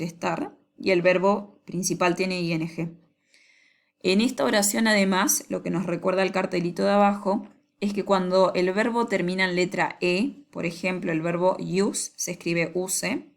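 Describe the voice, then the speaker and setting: Woman teacher, slightly low and gravelly voice, patient explainer. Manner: patient, slows down on examples. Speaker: English teacher. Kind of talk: explaining grammar to students.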